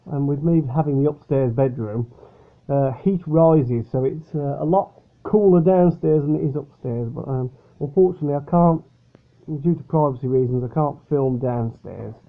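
A man chats his way through a drink review in a rambling, hesitant manner. His voice sits fairly high. The sound is thin and boxy, like a phone line. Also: moderate pace. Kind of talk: casual product review. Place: upstairs bedroom at home.

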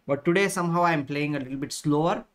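A man in his thirties with an Indian accent, chatting casually as a chess instructor on a live stream, halting and repeating his phrases. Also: on the high side.

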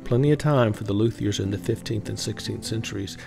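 Over music, an older woodworking host speaks in a lowish voice with vocal fry. In a calm, unhurried manner he covers the history first, then demonstrates at his workshop bench.

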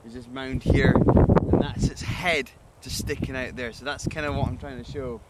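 With a medium pitch, fairly even intonation and a moderate pace, a young landscape photographer who has a cold narrates his vlog. Standing on a windy hilltop, he enthusiastically thinks aloud about what he'll shoot. A hand-held camera mic, sometimes near and sometimes far, picks up the wind.

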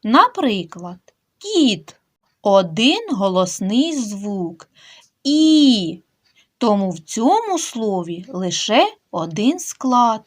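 A young woman teaching a kindergarten literacy lesson, addressing small children and splitting words into syllables with slow emphasis. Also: a little high. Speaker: preschool teacher.

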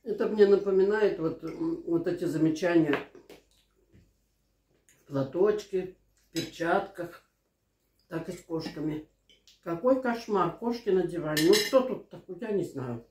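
A woman's voice: on the low side, measured pace, long pauses, darkish tone, slight background noise. Older woman chatting in a roomy space. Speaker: mukbang vlogger. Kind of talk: casual chat and anecdotes over a meal. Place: small living room at home, indoors. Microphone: camera across the table. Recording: roomy, echoing home room.

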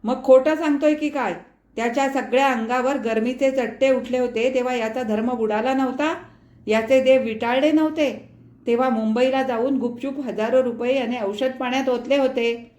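A woman voicing a furious, short-tempered middle-aged father who shouts abuse in loud outbursts, heard in an echoey room. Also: sits high, steady tone, normal speed, voice pushed up, lightly acted. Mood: raging.

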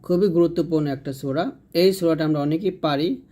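A man with a Bangladeshi Bengali accent teaching Quran recitation, spelling out letters and vowels before chanting each verse slowly. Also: a little high, warm tone. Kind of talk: slow spelled-out recitation lesson.

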